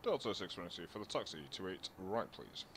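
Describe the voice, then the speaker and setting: A man's voice: low voice, expressive, a little fast, fairly bright tone. A man talking as a pilot to air traffic control, giving procedural radio calls and readbacks. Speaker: flight simulation pilot, livestreaming.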